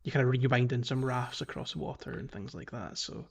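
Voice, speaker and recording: A podcast co-host recaps a game in a casual, conversational way, explaining loosely and qualifying his points with small asides. His voice is gravelly, mid-range, and a little fast.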